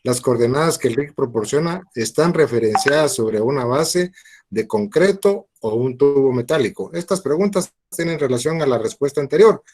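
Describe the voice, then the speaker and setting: A man's voice: mid-range voice, lively intonation, normal speed, a little mellow, slight background noise. A man moderating an online class, courteously reading out viewers' questions. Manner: courteous, reads questions aloud.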